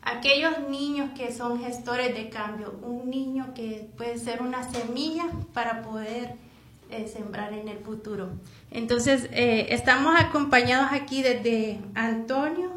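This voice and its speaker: Woman from honduras, radio host, slightly high voice, hesitant with fillers, roomy booth sound. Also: fairly even intonation, measured pace, a bit bright, slight background noise. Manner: hesitant, many fillers and restarts. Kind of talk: radio talk show hosting.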